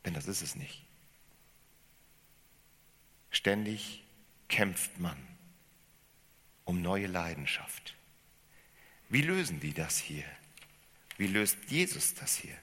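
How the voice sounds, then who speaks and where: A man preaching a sermon as pastor, speaking with animated emphasis and putting questions to his congregation. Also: low voice, takes it slowly, pauses often, breathy edge. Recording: reverberant hall.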